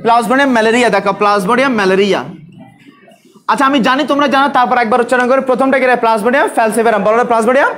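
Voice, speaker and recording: A man's voice: extremely high pitch, racing, a bit bright. A male biology teacher lecturing a class, drilling students with repeated questions and scolding those who talk.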